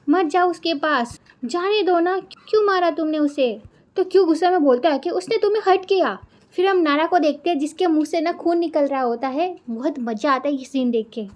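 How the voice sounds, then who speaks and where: Woman w a high voice recapping a drama, chatty, lots of little fillers. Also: darkish tone. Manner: retells each line with "then he says that", frequent "na" fillers. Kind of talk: casual storytelling recap.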